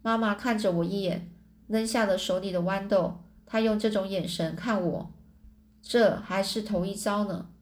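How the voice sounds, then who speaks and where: A woman's voice: mid-range voice, fairly even intonation, moderate pace. A woman reading a translated novel aloud in a plain storytelling manner, often stumbling and correcting herself. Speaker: storybook reader.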